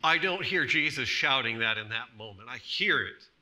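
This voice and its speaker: A man in his thirties, a pastor preaching a sermon in a church, dropping to soft hushed tones and rising to loud emphatic bursts. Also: medium pitch, lively intonation, moderate pace. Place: church sanctuary.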